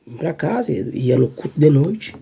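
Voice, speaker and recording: Man, church testimony, high voice, mellow, earnest, halting repetitions. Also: very animated, vocal fry, husky. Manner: earnest, halting, repeats phrases. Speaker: church member giving a testimony.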